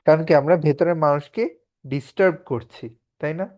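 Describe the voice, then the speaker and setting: Bangladeshi teacher explaining patiently. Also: male voice, fairly high pitch, fairly quick, muffled recording. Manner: explains patiently, often asks "তাই না?". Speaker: spoken English teacher. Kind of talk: online class lesson.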